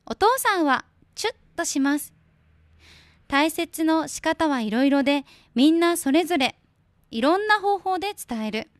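A woman hosting a morning community radio show. She chats with listeners and reads a picture book aloud in a gentle, friendly way. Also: high voice, no echo. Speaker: radio host. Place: radio studio.

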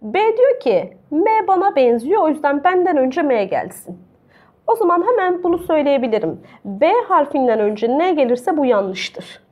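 A woman's voice: high-pitched, very animated, normal speed, muffled recording. A woman teacher explaining a grammar lesson step by step and quizzing her co-host. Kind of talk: classroom-style grammar lesson.

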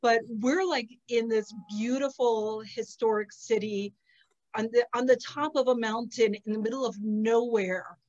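A chatty woman who hosts a psychic channel talks casually on a video call from an outdoor terrace with potted plants, sounding a little sniffly. Her voice sits on the high side and moves a bit slowly, and she laughs often while telling stories with animation. The laptop webcam audio is muffled.

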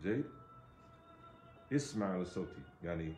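A man leads an Arabic lesson, repeating short phrases and gently correcting his students. He speaks very slowly in a mellow, low-lit tone. The recording carries a roomy echo. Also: lively intonation, faint music behind. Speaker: Arabic teacher. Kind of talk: classroom language lesson with repetition drills. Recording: echoey room.

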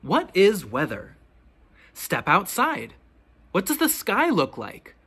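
Young children hear a picture book read aloud by a teacher whose husky voice carries expressive, deliberately paced questions.

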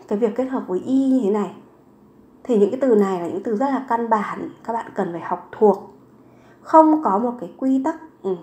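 A woman teaching a grammar lesson to learners. She is patient and says each word slowly more than once. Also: mid-range voice, a little mellow, echoey room. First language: Vietnamese. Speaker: Korean language teacher.

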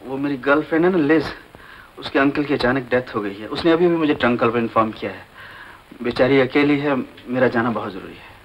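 A man's voice: mid-range voice, brisk, lo-fi sound, slight background noise, natural voice. An actor in his thirties playing an earnest, concerned young police officer with urgent delivery in a film drama. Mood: earnest request.

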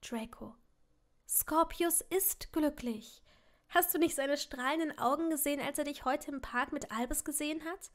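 A bright-voiced young heroine from a fanfiction reading, played by the reader herself, soft and caring but quick to tease. Her lines lift a little higher and sometimes drop into a gentle whisper. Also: level tone, husky. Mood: tender. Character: clever young woman, teasing and caring.

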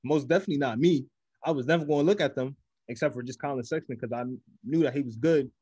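A man's voice: mid-range voice, fast, mellow, slightly rough, dry recording. Laid-back man, dull dry sound. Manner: laid-back, filler-heavy, teasing. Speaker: podcast co-host. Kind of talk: casual sports chat.

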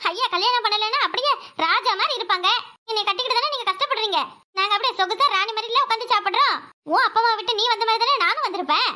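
A very high, quick cartoon wife, voiced by a woman, in a Tirunelveli Tamil accent. She is young, wounded and reproachful, pleading with her husband and turning defiant. Her lines come in fast, squeaky bursts. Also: bright, forceful tone. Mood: hurt. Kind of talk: cartoon voice acting.

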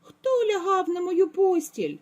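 A woman voicing a small boy bear cub in a squeaky, shrill voice while reading a storybook to children. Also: huge pitch swings, slow pace, a little mellow, exaggerated voice. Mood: whiny.

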